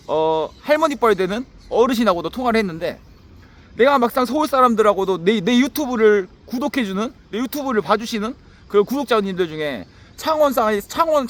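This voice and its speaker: A man talking to his viewers in a blunt, profane monologue that keeps circling back and restarting phrases. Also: high voice. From Haenam, South Jeolla, Korea. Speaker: YouTuber. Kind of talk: casual monologue to camera.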